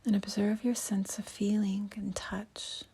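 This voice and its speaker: Breathy, near-whispering woman guiding breathwork. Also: medium pitch, little pitch movement, measured pace, mellow. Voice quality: breathy, husky, close to a whisper. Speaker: yoga and breathwork teacher. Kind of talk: guided breathing and meditation instruction.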